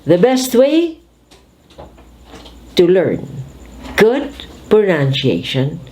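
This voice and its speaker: Older woman, patient pronunciation teacher, low-ish voice, deliberate over-articulated drilling. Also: very animated, a little mellow, slight background noise.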